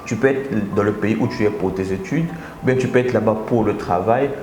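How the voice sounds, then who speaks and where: A lower-pitched man from the Republic of the Congo hosts a casual live stream from his office, speaking straight to his viewers. He is energetic and repeats his phrases for emphasis. The room echoes, and clear music plays underneath. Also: a little fast.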